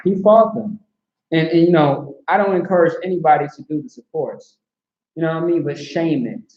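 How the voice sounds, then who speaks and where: Speaking fairly quickly in a slightly high, darkish voice, a class instructor teaches scripture. He hammers points home through repetition and keeps checking that people follow with "see what I'm saying." The sound is roomy and dull.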